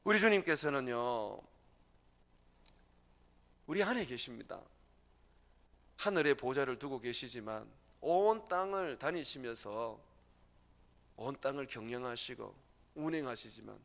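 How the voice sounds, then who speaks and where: A man preaching a sermon as pastor, emphatic, with sudden loud, high bursts. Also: expressive, a little slow, vocal fry, pauses often.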